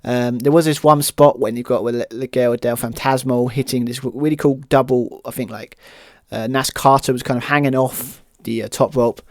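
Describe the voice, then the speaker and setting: A man's voice: medium pitch, steady tone, normal speed, dry recording, clean studio sound. A man hosting a podcast alone, giving a casual, rambling review full of fillers and "kind of", plainly enthusiastic. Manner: rambling, heavy use of "kind of" and "um". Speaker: podcast host.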